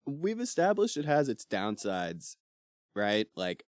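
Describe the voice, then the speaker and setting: Animated man chatting about a book. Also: mid-range voice, takes it slowly, dry recording, studio quality. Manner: animated, acts out quotes from the book. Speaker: podcast co-host. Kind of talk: casual book club chat.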